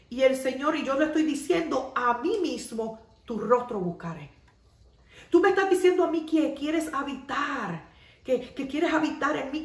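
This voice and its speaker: A woman's voice: a little high, roomy sound, recorded from a distance. A woman pastor preaching a radio sermon, earnestly sharing a personal testimony and repeating phrases for emphasis.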